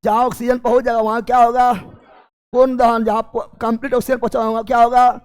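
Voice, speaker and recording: A man's voice: extremely high pitch, level tone, fast talker, clean tone. A man teaching a chemistry class, drilling students with repeated call-and-response questions and often raising his voice.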